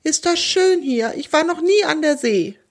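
A woman's voice: a little high, expressive, moderate pace, a bit bright. A woman voicing a grumpy old male magic pony in a children's storybook, fussy and plaintive. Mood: moved.

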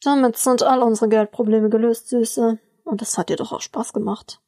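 Eine Frau spricht einen lässigen, geldgierigen Freund. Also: female voice, on the high side, steady tone, moderate pace, mellow. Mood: cocky. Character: young man, the boyfriend, greedy and cocky.

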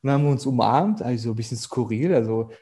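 A man's voice: medium pitch, fast, warm tone. A man guest on a podcast, telling a personal story casually with many fillers and quoted dialogue.

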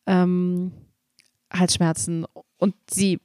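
A woman hosts a casual podcast, chatting along with lots of fillers and quick restarts. Her voice sits fairly low and sounds mellow and warm. The recording is dry and close, with no room sound. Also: little pitch movement, no echo. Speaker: podcast host recommending children's books.

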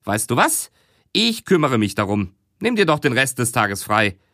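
A man reading an audiobook, voicing a relaxed, teasing male detective partner. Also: medium pitch, normal speed, no echo, clean studio sound. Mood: wry.

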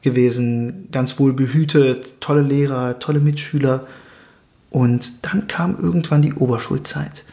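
A young man from Germany, speaking as an interview guest in a thoughtful, measured way with occasional hesitations. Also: mid-range voice, steady tone, gravelly, dark tone. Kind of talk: earnest interview conversation.

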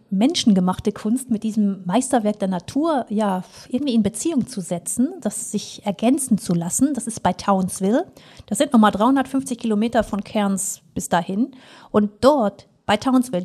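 A woman's voice: medium pitch, mellow, husky. A woman co-hosting a travel podcast, explaining in an engaged, conversational storytelling manner. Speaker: co-host.

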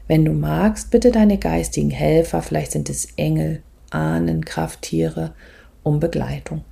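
Low, very creaky woman's voice guiding meditation. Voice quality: husky, creaky, breathy at phrase ends. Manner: measured, gentle instructing with pauses. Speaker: spiritual coach and meditation guide. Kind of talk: guided meditation and reflective spiritual talk.

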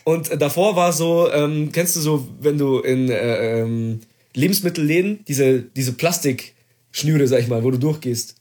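A young man in casual chat, telling a story with excitement, slang and swearing. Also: a little high, unhurried.

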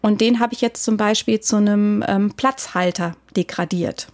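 A woman's voice: medium pitch, normal speed, a little mellow, no room sound. Thoughtful woman songwriter, dry close sound. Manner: thoughtful, explaining at length with examples. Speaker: songwriter and singer. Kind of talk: interview answer.

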